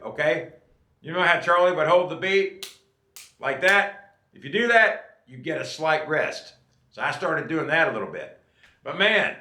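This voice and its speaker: A drummer in his late fifties hosts a channel, offering folksy, casual advice and frequently checking in with "okay?". His high-pitched voice sounds pushed and bright, recorded in an echoey room.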